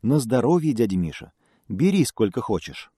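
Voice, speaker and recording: A man doing a squeaky, timid hare. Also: sing-song, moderate pace, mellow, husky, no echo, studio quality. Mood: meek. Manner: squeaky, meek. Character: small timid male hare.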